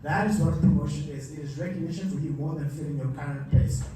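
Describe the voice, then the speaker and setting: A motivational speaker talks fast in a slightly high voice during a live masterclass before an audience in a big hall. He's emphatic and keeps repeating his main points, while the echoey hall mic captures him from a distance with background noise.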